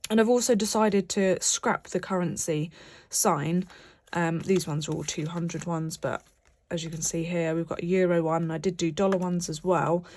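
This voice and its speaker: Speaking at a moderate pace with fairly even intonation, a young British woman with a lowish, slightly mellow voice and a blocked-up cold talks about her budget. As a budgeting vlogger, she chats casually to camera while stuffing cash envelopes, rambling with frequent fillers and restarts.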